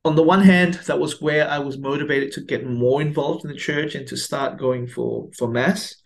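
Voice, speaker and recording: A man's voice: on the high side, steady tone, moderate pace, gravelly. A man in his thirties from Malaysia, a priest, telling his life story in an interview with many fillers and restarts.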